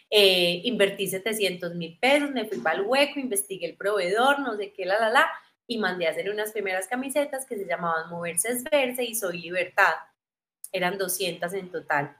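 A woman in her thirties with a Medellín Colombian accent, telling her story in a lively, casual interview. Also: mid-range voice, normal speed. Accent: Medellín Colombian Spanish. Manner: animated, acts out quoted voices. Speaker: guest.

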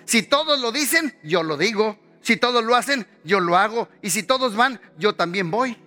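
A man preaching a sermon with passion, repeating phrases and climbing in pitch as he acts out quoted voices. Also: expressive, normal speed, sharp tone, soft background music. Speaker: pastor.

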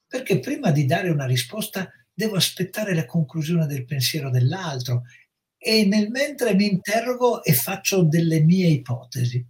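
A middle-aged man speaks as a psychologist in a reflective educational talk. He explains things in a measured, thoughtful way. His voice sits somewhat high for a man. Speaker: psychologist guest.

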